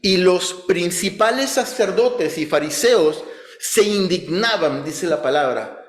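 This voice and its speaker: A man preaching a Sunday sermon in a church. He explains scripture references, asks the congregation questions and acts out biblical speakers with a raised, lively voice. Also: sits high, slow pace.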